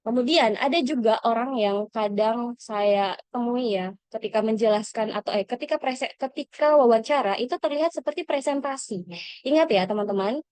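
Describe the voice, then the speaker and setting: A woman's voice: on the high side, a little mellow, dry recording. Encouraging woman mentor, dry close sound. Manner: encouraging, speaks directly to the audience; halting, with frequent fillers and self-corrections. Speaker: scholarship interview mentor. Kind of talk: online mentoring lesson.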